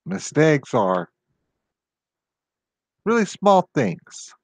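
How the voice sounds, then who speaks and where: Japanese isn't the native tongue of this man, who hosts his own channel and wanders through tangents full of exasperated complaints in a casual solo talk. His high-ish, creaky voice is very animated yet very slow, captured in a dry recording.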